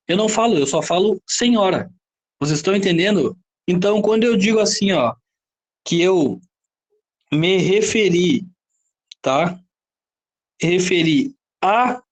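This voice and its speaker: Brazilian male teacher, high register, lecturing style, constantly checks the class with quick questions. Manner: explains with frequent rhetorical questions and "tá?" checks. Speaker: Portuguese teacher.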